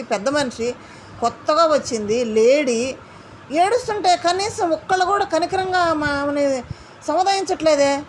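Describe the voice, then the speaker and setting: Woman, high-pitched, rapid indignant commentary, faint noise behind. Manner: indignant, quotes housemates in mimicry. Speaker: reality show reviewer. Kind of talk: animated commentary recap.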